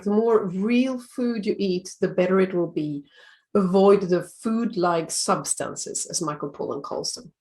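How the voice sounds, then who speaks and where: Calm Swedish-accented woman giving tips. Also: mid-range voice. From Sweden. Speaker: time-management coach. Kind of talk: video tip talk.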